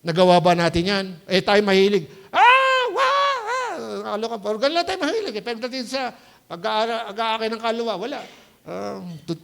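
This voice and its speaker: Male pastor, sermon at a church service, high voice, gravelly texture, chatty preaching, keeps asking "Hello?". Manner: keeps asking the congregation "Hello?" to check they follow; mixes English words into Tagalog preaching.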